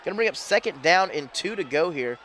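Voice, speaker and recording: A man calling high school football play-by-play from a press box, quick and excitable with chatty asides. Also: a little hiss or hum. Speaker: play-by-play announcer. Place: press box above a stadium.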